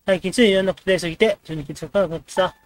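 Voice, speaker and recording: A let's play host with a high-pitched voice jokes and comments casually while playing a dating game, reacting quickly with gags. The recording has no echo.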